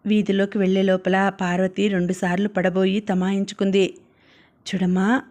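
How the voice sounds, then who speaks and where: Woman, audiobook narrator, measured scripted reading, medium pitch, very flat intonation.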